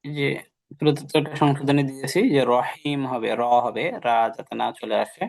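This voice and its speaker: A man with a Bangladeshi Bengali accent teaching Quran recitation in an online class, patiently correcting pronunciation by modeling the sounds slowly. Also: medium pitch.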